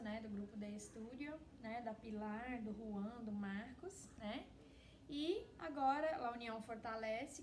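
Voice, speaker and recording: A woman teaching a class in a chatty way, constantly tagging her sentences with a questioning "né", and drawing words out slowly when she spells them. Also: a little high. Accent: Brazilian Portuguese. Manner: chatty, constantly tags phrases with "né?". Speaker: Spanish teacher. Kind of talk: recorded online class. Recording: echoey room with faint noise.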